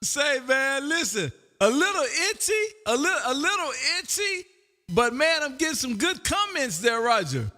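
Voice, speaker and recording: The host of a home ham radio livestream talks at normal speed in a very high, very animated voice that sounds pushed and bright. He's exuberant, folksy, and chatty, with soft music in the background and a long hall reverb on his voice.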